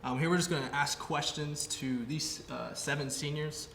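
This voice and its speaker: A man with a slightly high, creaky voice hosts a casual round-table interview at normal speed. He asks relaxed, filler-heavy questions and laughs often, in an echoey room with background noise.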